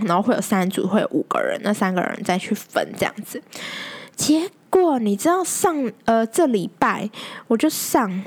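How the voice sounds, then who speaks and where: Young Taiwanese woman, podcast host, animated pitch, gushing storyteller. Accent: Taiwanese Mandarin. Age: young adult. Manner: dramatic, exaggerated, chatty. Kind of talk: casual storytelling chat.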